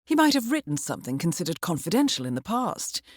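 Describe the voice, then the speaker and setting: A woman with a lowish voice plays a composed, calculating intelligence handler in a video game, delivering measured, precise mission briefings with dry, understated wit. She stays calm yet very animated, with no echo.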